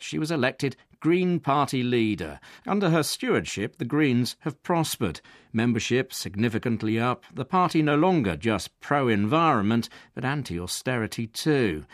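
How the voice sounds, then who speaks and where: A man reporter narrating a profile in scripted documentary style, measured and wry. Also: mid-range voice, dry recording, studio quality.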